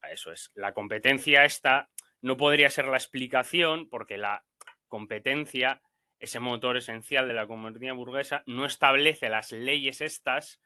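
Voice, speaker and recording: A man with a Spanish accent talks through a reading for a study seminar, hesitating often and restarting his sentences. He has a sore throat, yet his tone is very bright and sharp. The sound is dry and close, with no room echo. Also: medium pitch. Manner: halting, many fillers and restarts. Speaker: seminar participant presenting a reading. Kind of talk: explaining a text in a study seminar.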